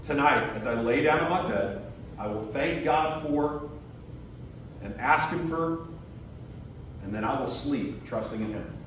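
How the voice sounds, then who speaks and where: A man's voice: medium pitch, unhurried, pauses often, a bit bright, slight background noise. Echoey distant man preaching a sermon. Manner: earnest, builds to emphatic peaks. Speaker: guest preacher. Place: church sanctuary. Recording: echoey church from far off.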